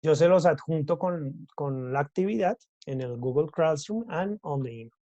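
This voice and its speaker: A man's voice: fairly high pitch, expressive, moderate pace, warm tone, no echo, muffled recording. Man teaching English, dry sound. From Colombia. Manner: switches between Spanish and English, checks in with repeated "listo?". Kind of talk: recorded class explanation.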